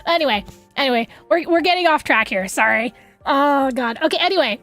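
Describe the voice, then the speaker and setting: High-pitched, chatty young woman streaming. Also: a little fast, faint music behind. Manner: chatty, rambling, frequent fillers like "like"; effusive, excitable asides. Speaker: game livestream host.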